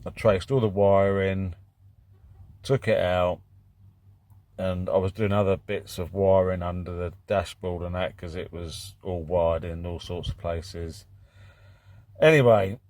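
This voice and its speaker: A man's voice: low-pitched, steady tone, a little slow, pauses often, a little mellow, no echo. A British man chatting casually and thinking aloud in a rambling, matter-of-fact way as he narrates hands-on repair work. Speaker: vlog host doing DIY car repairs. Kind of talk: casual chat and work commentary.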